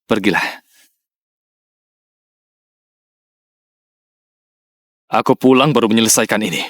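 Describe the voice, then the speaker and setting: A man's voice: fairly low pitch, very fast, no room sound, clean studio sound, natural voice. A man voicing a stern, powerful widowed father in a dubbed drama, curt and harsh. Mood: gentle.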